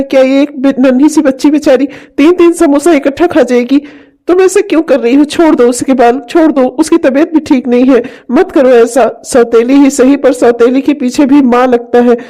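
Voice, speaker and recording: A woman voicing a soft-hearted cartoon father. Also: sits high, natural voice. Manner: gentle, pleading. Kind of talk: cartoon voice acting.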